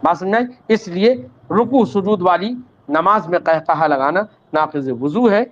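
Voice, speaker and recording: A man teaching an Islamic law lesson. He recites Arabic text, then explains it patiently, calls the students "child" and checks that they understood. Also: high voice. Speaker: religious teacher. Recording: dull lo-fi recording.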